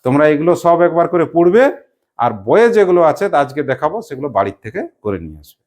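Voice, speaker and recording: A teacher giving a classroom lesson, quizzing pupils with repeated questions and briskly praising correct answers. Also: medium pitch, very animated, a little mellow, a little hiss or hum.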